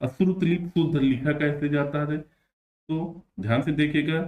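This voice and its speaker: A man teaching Hindi spelling for an exam, explaining each answer patiently and repeating words slowly, sometimes stretching them out syllable by syllable. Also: fairly high pitch, narrow, tinny audio. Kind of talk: exam-prep spelling lesson.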